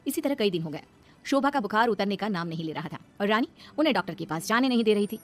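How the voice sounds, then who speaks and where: A woman narrating a moral story in a brisk, matter-of-fact way. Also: medium pitch, expressive, a little hiss or hum.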